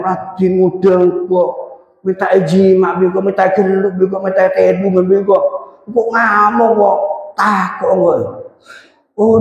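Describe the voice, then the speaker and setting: A man tells a story as he preaches, animated and often turning to the crowd with "Pak" and "Kak". His voice sits high for a man. It rings through a big mosque hall with a long echo. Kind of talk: storytelling sermon. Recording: echoey hall with long reverb.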